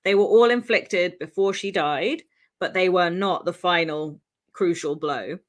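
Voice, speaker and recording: On a podcast she co-hosts, a woman from Wales relates a true crime story in a voice on the low side, moving a little slowly. She keeps it chatty and laughing, with lots of ums and asides, and faint Welsh traces colour her English.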